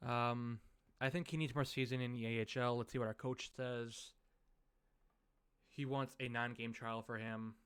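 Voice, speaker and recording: Man calmly recapping hockey game scores. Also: mid-range voice, moderate pace, smooth. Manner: steady, conversational recap of scores and lineup moves. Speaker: video game commentator. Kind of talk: casual play-by-play commentary over a hockey management game.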